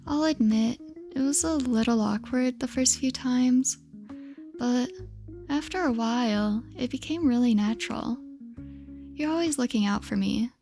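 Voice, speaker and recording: A woman acting as an affectionate, lonely girlfriend in a soft, intimate ASMR role-play of a late-night call. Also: a little high, measured pace, soft background music. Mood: fond. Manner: soft, tender, intimate, giggly.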